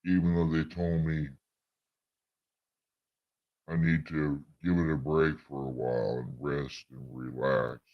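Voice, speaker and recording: A man talking through a voice changer that drops his voice very deep as he chats on a livestream. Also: level tone, slow pace, pauses often, highs cut off, exaggerated voice. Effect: voice changer dropping the voice very deep. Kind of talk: casual livestream chat.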